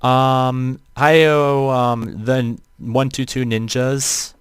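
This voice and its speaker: A man with a robotic-sounding natural voice, giving casual live game commentary in a halting way, often rephrasing as he goes. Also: medium pitch, level tone, clean tone, dry recording, studio quality. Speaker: livestreamer playing an online role-playing game. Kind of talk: casual gameplay livestream commentary.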